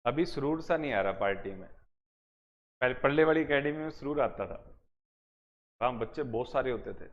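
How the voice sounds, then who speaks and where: A man's voice: medium pitch, moderate pace, long pauses, highs cut off. A man teaching a class in a coaching center, asking and answering his own questions as he explains. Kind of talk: classroom lecture. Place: classroom with students.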